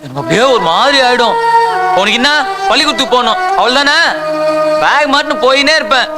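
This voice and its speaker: A man's voice: very high-pitched, animated, fast, loud music behind the voice. A young man playing a drunk young street tough who rambles tearfully about his dead mother. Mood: wistful. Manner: rambling, swings between laughing and sobbing. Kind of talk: fan recreation of a film scene.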